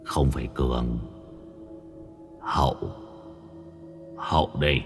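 A man voicing the gruff, deep-voiced ghost of a dead old man in a spoken ghost story. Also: steady tone, takes it slowly, big-room sound, faint music behind.

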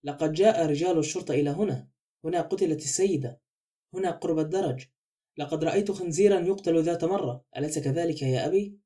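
A man's voice: fairly high pitch, fast talker, dark tone, close to an everyday voice. A man doing an eager, ghoulish little boy. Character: ghoulish ten-year-old boy, eager for gore.

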